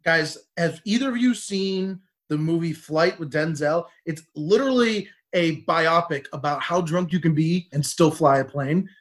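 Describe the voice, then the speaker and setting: Higher-voiced man, teasing podcast banter. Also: normal speed, few pauses. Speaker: podcast co-host. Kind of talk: casual comedic banter.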